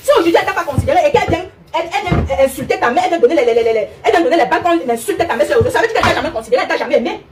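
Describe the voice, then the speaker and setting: A woman's voice: sits high, expressive, rapid-fire, hardly any pauses, noisy background. Woman, commentator type, fires off a taunting rant at breakneck speed, keeps hammering the same points. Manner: emphatic, repetitive, taunting, frequent "hein?". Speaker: online commentator. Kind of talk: heated direct-address monologue.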